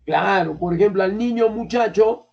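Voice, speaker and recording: High-voiced teacher quizzing students. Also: male voice, moderate pace, gravelly, darkish tone. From Peru. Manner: colloquial, keeps quizzing students. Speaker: language teacher. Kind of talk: classroom lecture. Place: classroom. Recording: dull lo-fi classroom recording.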